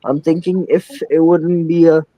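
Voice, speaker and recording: A young man from the Czech Republic joins a live stream as a caller, hesitantly asking about his aquarium amid fillers and restarts. His voice is a little high with little pitch movement, at a moderate pace, recorded lo-fi with no room sound.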